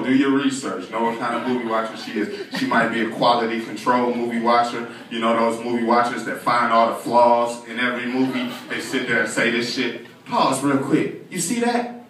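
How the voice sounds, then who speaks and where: A young man telling a stand-up story on a comedy club stage, animated and profane, acting out voices as he goes. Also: mid-range voice. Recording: echoey club, far mic, audience noise. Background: audience laughter.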